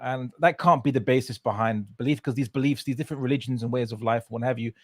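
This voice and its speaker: Speaking fast in a mid-range voice, an Englishman recounts his story as a casual interview guest. He's hesitant, with many fillers and restarts, and laughs frequently, and the recording has no room sound.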